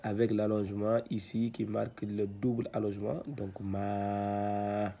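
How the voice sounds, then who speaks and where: A man teaching Quran reading in a slow step-by-step lesson, sounding out syllables and often restarting his sentences. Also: fairly low pitch, little pitch movement, creaky, mellow, husky. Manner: hesitant, many restarts and fillers, repeats syllables slowly.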